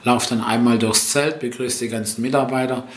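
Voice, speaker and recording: Answering interview questions, a middle-aged festival-tent jester and stage host whose first language is Italian wanders off track, correcting himself, using fillers and tagging on "ne?". He speaks fairly quickly in a steady, mid-range voice, and the room echoes with faint noise behind him.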